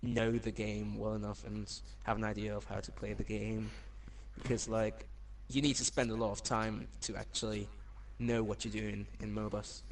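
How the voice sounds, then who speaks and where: A man's voice: lowish voice, level tone, moderate pace, slight background noise. A man chatting casually as a podcast guest, talking in an informal, anecdotal way. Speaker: podcast guest, competitive gamer. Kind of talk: casual chat.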